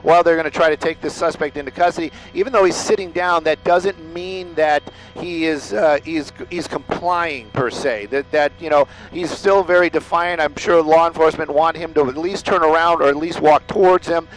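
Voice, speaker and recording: An American man reporting from the air gives ad-libbed live commentary on breaking news, halting and repetitive. His voice is a little high and steady, with soft background music and poor audio quality.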